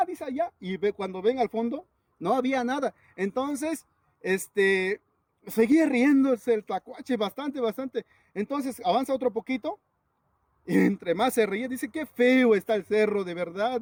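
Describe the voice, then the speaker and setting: A man with a Mexican Spanish accent, a native Zapotec speaker, tells a folk tale. His voice sits high for a man, and he talks in a relaxed, conversational way. It is recorded close and dry. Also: normal speed, dry recording. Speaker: teacher and storyteller.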